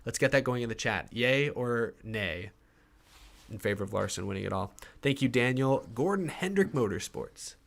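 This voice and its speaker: A man's voice: medium pitch, animated, normal speed, gravelly, fairly bright tone. A man in his twenties hosting a live racing podcast, reading out viewer questions in a loose, rambling way. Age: 20s. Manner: casual, rambling, reads out super chats. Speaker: podcast host.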